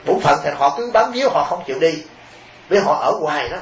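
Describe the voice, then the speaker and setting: A man, a Buddhist monk, telling stories in a lively sermon and asking his listeners questions directly. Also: a little high, brisk. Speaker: Buddhist monk giving a dharma talk. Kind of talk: storytelling sermon. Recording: roomy, dull lo-fi recording with faint hiss.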